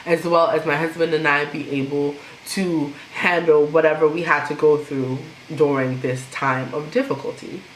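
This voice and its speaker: A young woman vlogger telling a personal story in a casual, animated way, laughing now and then. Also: low voice, moderate pace, few pauses. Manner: animated, laughs while telling, imitates others. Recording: echoey room with faint noise.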